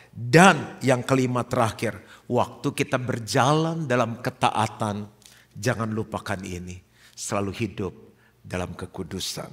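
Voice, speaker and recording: Indonesian pastor guy, 40s, preaching, acts out little stories then goes soft and serious, big hall echo. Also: medium pitch, husky. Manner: animated storytelling, acting out dialogue, dropping to soft emphasis. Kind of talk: sermon. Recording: long hall reverb.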